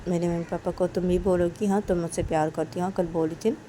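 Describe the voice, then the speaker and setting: A woman voicing a bold, protective young woman who talks loudly and keeps firing questions. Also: lowish voice, steady tone, fast talker, a little hiss or hum, close to an everyday voice. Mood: insistent. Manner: loud, insistent, repeating questions.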